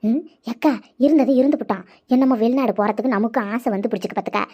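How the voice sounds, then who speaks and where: Woman doing a gossipy blunt cartoon sister, quick talker, muffled audio. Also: fairly high pitch, close to an everyday voice. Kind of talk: cartoon voice acting. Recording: dull lo-fi audio.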